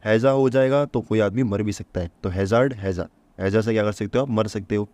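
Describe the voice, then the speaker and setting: A man's voice: lowish voice, fairly quick, darkish tone, no echo. A man teaching a vocabulary lesson for exam prep. He keeps asking the listener rhetorical questions, answers them himself, and repeats each memory trick. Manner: repeats key points to drill memory tricks.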